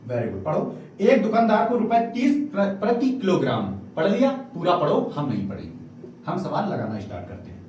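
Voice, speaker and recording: A male maths teacher with a high, lively voice, coaxing his students along as he works through problems. He is recorded from a distance in a very echoey classroom, with faint noise behind him. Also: moderate pace. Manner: coaxing, repeatedly prompts students to read aloud.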